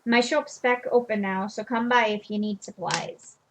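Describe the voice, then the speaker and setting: A woman reading a game's male fisherman character aloud, with a halting try at a sailor's accent. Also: mid-range voice, steady tone, a little hiss or hum, natural voice, low-quality recording. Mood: hearty. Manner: hearty sailor greeting, halting attempt at an accent. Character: weathered adult male fisherman back from sea. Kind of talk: voicing game dialogue aloud.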